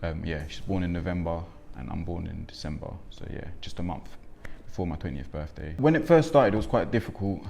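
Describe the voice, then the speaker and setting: A man's voice: sits low, brisk, gravelly, hardly any pauses, darkish tone, a little hiss or hum. A man in his twenties, born in Congo and raised in England, speaking reflectively with frequent ums in a documentary interview. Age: 20s. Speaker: interviewee, young father.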